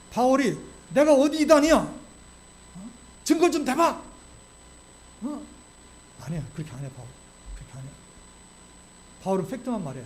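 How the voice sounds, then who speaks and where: A male pastor preaching a sermon in a church, animated and constantly checking in with the congregation through rhetorical questions. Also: high voice, a little hiss or hum. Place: church sanctuary.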